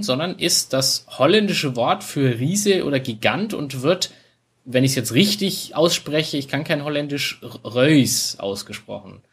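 A man's voice: on the high side, fairly bright tone, breathy edge. A man hosting a casual gaming podcast, chatting in an easygoing way with many fillers and restarts. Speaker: podcast host.

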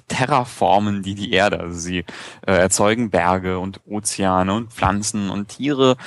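A man with a lowish voice co-hosts a gaming podcast, explaining a game in a lively, good-humoured way. The sound is dry and close, with no room around it. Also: no echo. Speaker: podcast co-host. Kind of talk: casual podcast chat.

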